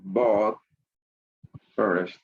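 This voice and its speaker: A man's voice: lowish voice, steady tone, extremely slow, breathy edge, phone-quality sound. A male English teacher running an online class, repeating points and prompting students with questions over a video call.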